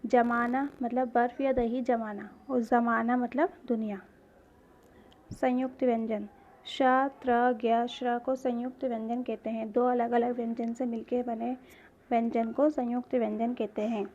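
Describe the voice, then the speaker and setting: A woman's voice: fairly high pitch, little pitch movement, measured pace, mellow, highs cut off. A woman teaching a grade-school grammar lesson, asking questions and answering them herself, spelling out sounds one by one.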